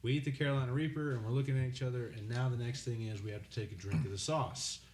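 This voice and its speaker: A man's voice: mid-range voice, steady tone, fast talker, a little mellow, roomy sound, slight background noise. A man, a guest barber, telling a competitive eating story in casual podcast chat.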